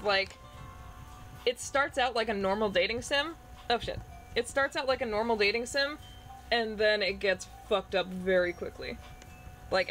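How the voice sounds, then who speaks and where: A woman's voice: on the high side, pushed and bright, low-quality recording. A woman streaming a visual novel, chatting casually, rambling and swearing. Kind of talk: casual game commentary.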